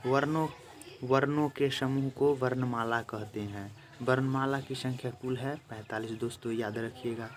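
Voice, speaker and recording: A male teacher giving an exam-prep grammar lesson, repeating each definition slowly and talking to viewers as friends. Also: medium pitch. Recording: faint background noise.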